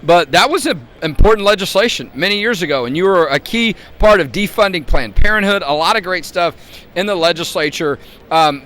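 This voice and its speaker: A man's voice: high-pitched, a bit bright. A man hosting a casual live interview in a chatty, rambling manner. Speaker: host, advocacy group president. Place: convention floor.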